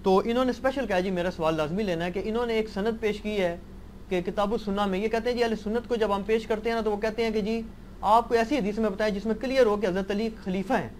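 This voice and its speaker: A man's voice: sits high, a little mellow, slight background noise. A man interviewing a scholar, politely relaying questions at length. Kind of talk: reading out questions.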